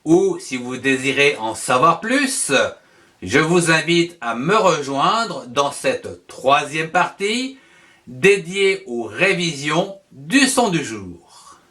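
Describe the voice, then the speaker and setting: A man giving a scripted reading lesson for young children, slowly spelling out letters and syllables. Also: on the high side, lively intonation, sharp tone, no room sound. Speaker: reading teacher.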